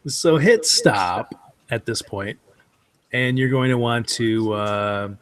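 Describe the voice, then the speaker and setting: A man's voice: medium pitch, slow pace. A man co-hosting a podcast in casual chat. He is laid-back and laughs easily. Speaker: podcast co-host.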